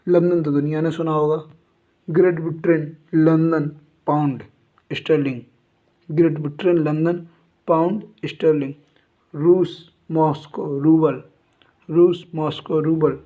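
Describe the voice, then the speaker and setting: A man's voice: on the high side, little pitch movement, a little slow. A male teacher reciting a general knowledge lesson, saying each item twice like a memory drill. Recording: tinny phone-like sound.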